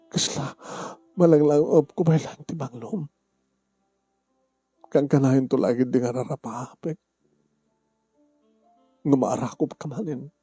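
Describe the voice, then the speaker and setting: Dark husky man in a radio drama. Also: mid-range voice, unhurried, pauses often, no echo, soft background music. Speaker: voice actor in a comedy drama. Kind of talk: Ilocano radio-style drama acting.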